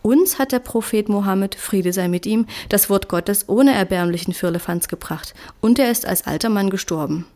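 A woman's voice: medium pitch, normal speed, hardly any pauses, darkish tone, natural voice. Woman voicing a stern devout imam. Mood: proud. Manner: stern, insistent. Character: proud devout male imam. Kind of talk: audiobook character voice.

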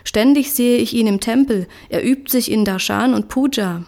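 Haughty male pandit, as a woman reader puts him on, sharp-tongued, storybook. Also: on the high side, normal speed, pitched above the performer's own voice, lightly acted. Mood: emphatic. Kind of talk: audiobook character voice.

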